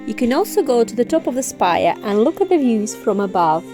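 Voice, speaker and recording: High-voiced woman narrating over music. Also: big pitch swings, a little fast. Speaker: vlogger and narrator. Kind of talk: scripted travel narration.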